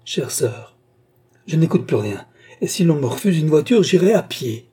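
A man's voice: mid-range voice, lively intonation, moderate pace, warm tone, husky. A man reading aloud gives voice to a proud young noblewoman, pleading and then flaring into commands. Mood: frantic. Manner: pleading, rising to commanding outbursts. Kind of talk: audiobook character reading.

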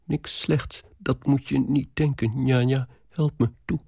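A man reading aloud as a lovesick, anxious young woman, in a low, earnest, pleading tone. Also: fairly even intonation, measured pace, gravelly, dark tone, husky, no echo, clean studio sound. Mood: urgent.

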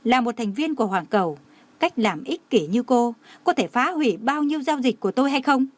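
A woman's voice: fairly high pitch, animated, a little fast, no room sound. A woman voicing a cold, domineering young male executive in an audio novel, curt and harsh. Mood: cold anger.

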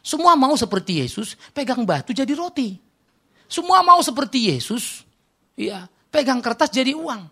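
A man preaching a sermon as pastor, telling stories with quoted dialogue and swinging between loud exclamations and quiet confiding asides. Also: extremely high pitch, sing-song, moderate pace, husky.

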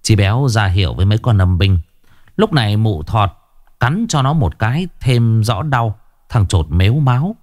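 Male storyteller, low voice with lively pitch, dry close recording. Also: moderate pace, no echo. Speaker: narrator. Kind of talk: scripted ghost story narration.

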